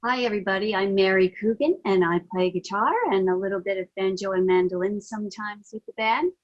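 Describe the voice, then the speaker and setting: A woman's voice: mid-range voice, steady tone, fairly quick, highs cut off. A woman with an American accent giving a casual introduction as a band guitarist. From Yonkers, New York.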